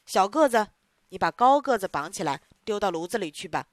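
A woman voicing a scary, gruff, bearded male theatre boss in a storybook reading, talking lower and commanding. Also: very animated, fairly quick, no room sound, studio quality, close to an everyday voice.

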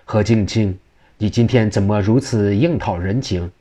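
A man's voice: on the low side, warm tone, natural voice. A man doing a calculating imperial official. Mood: puzzled. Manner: measured, deliberating.

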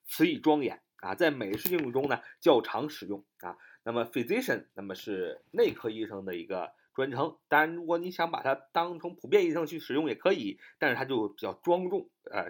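A man teaching English vocabulary, spelling each word letter by letter, repeating it, and tagging his phrases with a drawn-out "ah". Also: mid-range voice. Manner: ends phrases with a drawn-out "ah" particle. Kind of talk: vocabulary lesson.

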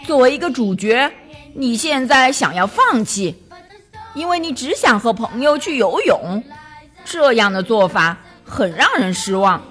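A woman's voice: a little high, lively intonation, measured pace, fairly bright tone, faint music behind. A woman voicing a serious, fatherly male creature who speaks in a firm, earnest, encouraging way.

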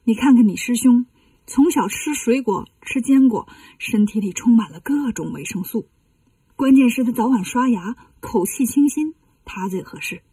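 A woman doing a soft-spoken fussy monk. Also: on the high side, expressive, moderate pace, slightly rough, dry recording, distant mic. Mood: mild. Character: gentle fussy male monk master.

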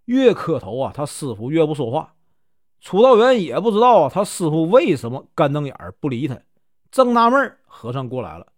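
A man from Northeast China telling a folk tale as a casual storyteller, lively and animated. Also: on the high side, brisk, no room sound, clean studio sound.

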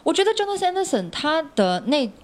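A woman's voice: very high-pitched, big pitch swings, fast talker. A woman in a casual discussion, giving her own opinions in a reflective, conversational way.

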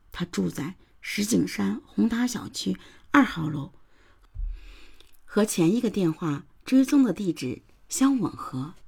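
A woman's voice: on the low side, creaky, dark tone, husky. A woman hosting a podcast, giving grave, dramatic scripted true-crime narration that sometimes drops to a whisper. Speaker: podcast host.

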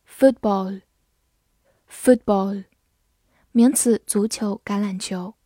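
A woman whose first language is Chinese, teaching English vocabulary in a scripted lesson, spelling words out letter by letter and reading example sentences slowly. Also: a little high, dark tone, breathy edge, dry recording, clean studio sound.

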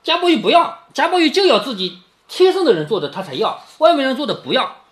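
A man reading an old classic to his daughter, pausing after each passage to put it in everyday words. His voice rises and falls a great deal as he talks, and he keeps checking in with little questions, the tone of an informal family lesson. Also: very high voice, big pitch swings, a bit bright. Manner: paraphrases each quoted passage in plain words. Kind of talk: casual retelling and explaining of a classic novel.

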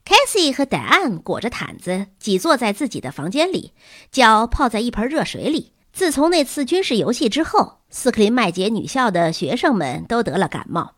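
A woman narrating a children's storybook in an animated way, acting out the characters. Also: a little high, normal speed, dry recording, studio quality. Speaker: audiobook narrator. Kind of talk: storybook reading.

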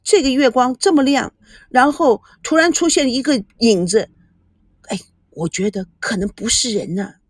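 A woman voicing a relaxed young man who jokes and protects his companion, in an audiobook. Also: a little high, moderate pace, no room sound, studio quality, natural voice. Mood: easygoing.

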